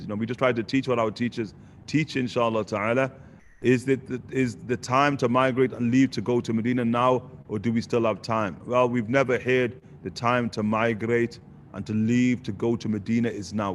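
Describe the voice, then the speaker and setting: A man, teaching in a relaxed question-and-answer lesson and dropping Arabic phrases between points. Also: medium pitch, a little hiss or hum. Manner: conversational, sprinkles Arabic phrases, asks "you get the point?". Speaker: religious teacher.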